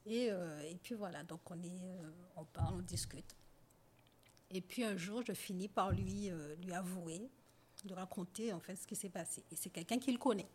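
A woman guest on a podcast, telling her personal story in a halting, hesitant way that often trails off quietly. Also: on the low side, a little hiss or hum. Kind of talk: personal testimony in conversation.

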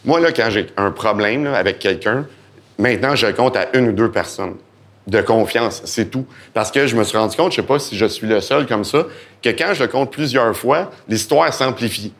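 A man with a Québécois French accent speaking as a guest on a live podcast in front of an audience, animated and joking, acting out the voices in his head. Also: mid-range voice, normal speed. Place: event hall with live audience.

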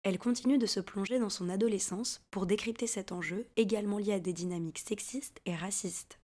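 Mellow-voiced woman narrating a podcast. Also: medium pitch, brisk. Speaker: podcast host. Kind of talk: scripted narration.

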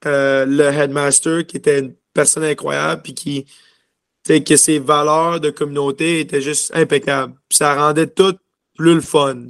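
A young adult from Quebec, a junior hockey player with a Quebec French accent, chats casually as an interview guest, rambling with lots of filler words. His voice is fairly high, creaky, a bit bright and smooth, with no echo.

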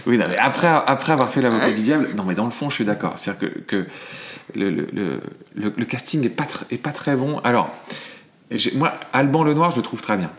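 A middle-aged man reviewing films in casual chat, hesitant, thinking aloud and restarting his sentences, explaining in a measured way. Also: medium pitch, animated. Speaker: film reviewer co-host.

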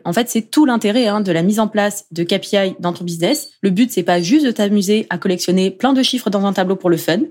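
A woman's voice: medium pitch, a little mellow. A woman in her thirties hosting a solo podcast as a productivity coach, chatty and upbeat, talking straight to the listener.

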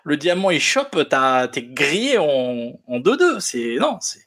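A man co-hosting a casual film review podcast, speaking hesitantly with many pauses and restarts. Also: on the high side, big pitch swings, a bit bright. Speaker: podcast co-host.

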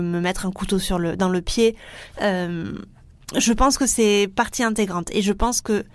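A woman's voice: medium pitch, no echo. Young woman with a French accent, solo podcast host; earnest, encouraging delivery with frequent "euh" restarts, dry close-miked sound. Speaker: podcast host and teacher trainer.

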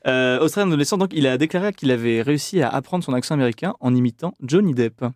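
A man's voice: mid-range voice, lively intonation, quick pace, darkish tone. A man hosting a casual film podcast, sharing trivia in a chatty way with plenty of hesitations. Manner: chatty, many fillers, relishes film trivia. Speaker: podcast host.

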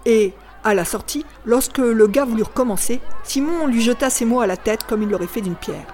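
A woman narrating a classic tale in a measured, expressive storytelling voice. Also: on the high side. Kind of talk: audiobook reading of a classic tale.

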